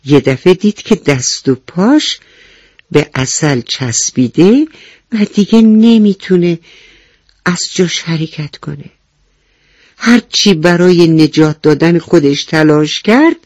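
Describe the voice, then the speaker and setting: A woman telling a bedtime story to children on the radio, gentle and clear, asking the little listeners questions as she goes. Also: low-pitched, animated, long pauses, dry recording.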